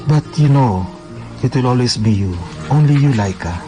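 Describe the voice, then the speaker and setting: A man's voice: mid-range voice, animated, moderate pace, close to an everyday voice. A man playing a jealous, controlling married lover in a radio drama, with music behind him. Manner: controlling, turns sweet and pleading.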